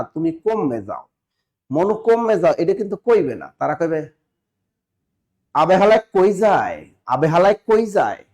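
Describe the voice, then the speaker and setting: Upbeat bangladeshi guy teaching an exam prep class, kinda high voice, keeps repeating answers and asking viewers. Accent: Bangladeshi Bengali. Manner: energetic, repeats key answers and quizzes viewers.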